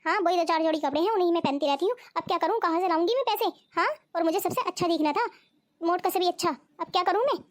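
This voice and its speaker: A woman voicing a jealous, scheming young wife in a cartoon, who grumbles and whines. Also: very high-pitched. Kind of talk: cartoon voice acting.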